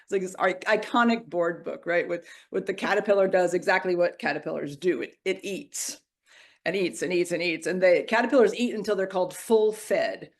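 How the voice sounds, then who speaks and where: Expressive woman telling personal stories. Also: lowish voice, fairly quick. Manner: expressive, shifts from playful to hushed and grave. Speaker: worship reflection speaker. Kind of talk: personal storytelling reflection. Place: church service.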